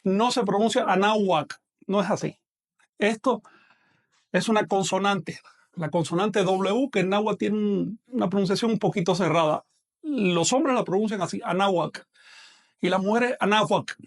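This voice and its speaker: A man teaches a language lesson online in a fairly high voice. His delivery is measured and patient, and he slows right down whenever he models a sound. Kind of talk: online lecture.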